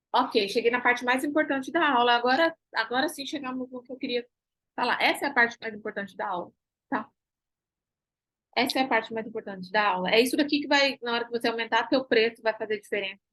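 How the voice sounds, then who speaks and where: A woman teaches an online class in a high voice. She is emphatic, hammers key phrases again and again and keeps asking rhetorical questions. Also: fairly bright tone, rough recording. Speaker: pilates teacher and business mentor.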